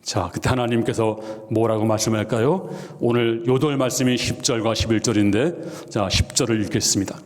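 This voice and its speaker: A man's voice: mid-range voice, steady tone, moderate pace, hardly any pauses. A man preaching a sermon in a church, dramatically acting out dialogue and raising his voice for emphasis. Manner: dramatic, acts out dialogue with rising shouts. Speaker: pastor. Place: church sanctuary. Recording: long church reverb.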